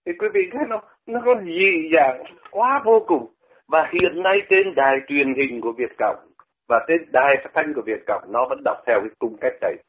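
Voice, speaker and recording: A high-ish male voice at normal speed: an older Vietnamese radio commentator explaining pronunciation in a conversational tone. He often repeats words to demonstrate, and the line sounds phone-like.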